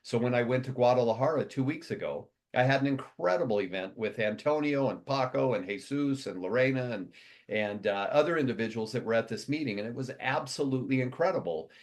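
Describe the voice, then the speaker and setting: An animated, medium-pitched man who heads a company fires off a motivational talk to his members. It's fast and rambling, marked by frequent restarts and long lists.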